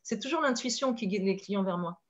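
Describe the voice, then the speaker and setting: A woman from France with a French accent, a life coach talking in a lively, expressive way and laughing often. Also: mid-range voice, fairly quick, highs cut off. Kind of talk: conversational talk with metaphors.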